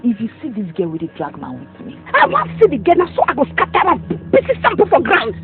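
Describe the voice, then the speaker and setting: A woman's voice: fairly low pitch, big pitch swings, quick pace. A woman with a Nigerian Pidgin accent plays a young woman who rants angrily and threatens her lover's new girl. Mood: angry ranting. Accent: Nigerian Pidgin English. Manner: heated, ranting, threatening. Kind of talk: film drama acting. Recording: tinny lo-fi audio with loud music.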